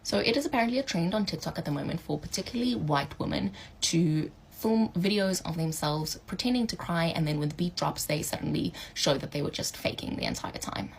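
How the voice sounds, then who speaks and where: A woman giving measured, critical social media commentary. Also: low-pitched, expressive, creaky, a little hiss or hum, low-quality recording.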